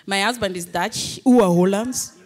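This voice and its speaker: A woman's voice: medium pitch, normal speed, darkish tone. A woman in her forties from Zimbabwe, telling a rambling personal story at a public panel, laughing often. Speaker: audience member. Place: large hall with an audience. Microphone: handheld microphone.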